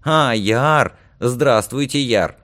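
A man's voice: medium pitch, very slow, a bit bright, pitched above the performer's own voice. A man voicing a talkative middle-aged aunt in an audiobook, chattering in a raised sing-song voice. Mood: fretful.

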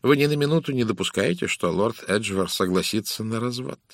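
A man's voice: lowish voice, lively intonation, fairly quick, no echo, studio quality. A man voicing a fussy older male detective who lectures suspects in a precise, theatrical manner. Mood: lecturing. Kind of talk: audiobook character reading.

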